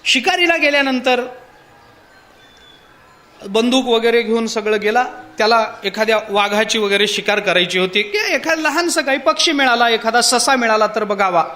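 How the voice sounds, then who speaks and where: A man giving a devotional discourse, telling a parable and putting rhetorical questions to his listeners. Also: very high voice. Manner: poses rhetorical questions to the audience; animated storytelling with parable. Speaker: spiritual discourse speaker.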